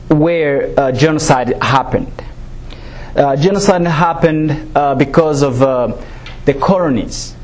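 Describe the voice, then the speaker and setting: Sounding nervous, a student from Rwanda gives his personal testimony haltingly, with many fillers and restarts. His voice is a little high with a darkish tone, and a faint hiss or hum runs under the recording.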